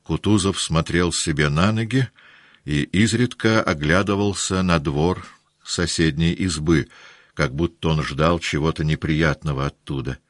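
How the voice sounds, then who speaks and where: A man narrating a classic novel as an audiobook, with a measured, steady reading. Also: a bass voice, no room sound, clean studio sound. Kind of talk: scripted narration.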